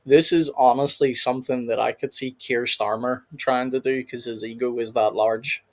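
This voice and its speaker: A man's voice: mid-range voice, fairly even intonation, moderate pace. A man hosting a casual reaction video, rambling and laughing often as he comments. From United Kingdom.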